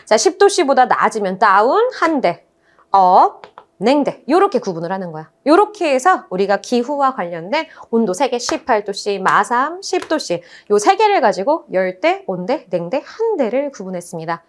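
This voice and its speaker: A woman teaches her class in an animated lecture style. Her voice sits high and jumps all over the place as she tells stories and puts on playful voices to make the points stick. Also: moderate pace. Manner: lively storytelling, acts out playful voices.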